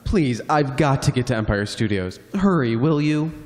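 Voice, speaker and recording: A man's voice: mid-range voice, expressive, moderate pace, darkish tone, lightly acted. A man doing a pompous, sarcastic passenger. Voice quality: dry, sarcastic and haughty. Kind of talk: radio play acting. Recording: long hall reverb.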